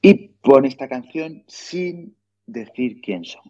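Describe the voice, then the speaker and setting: A man's voice: mid-range voice, animated, slow pace, warm tone, lo-fi sound. A middle-aged man from Asturias, a podcast guest telling rambling stories with many restarts and imitated sounds. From Asturias, Spain. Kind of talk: casual chat.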